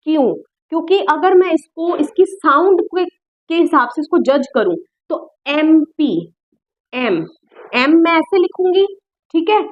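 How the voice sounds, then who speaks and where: A woman's voice: high voice, dull audio. A woman teaching English grammar, explaining patiently step by step and often checking in with "okay". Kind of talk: whiteboard grammar lesson.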